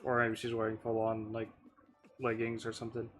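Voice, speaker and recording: A man's voice: on the low side, completely flat delivery, fairly quick, faint music behind. A man giving casual, chatty reaction commentary as host of a reaction video.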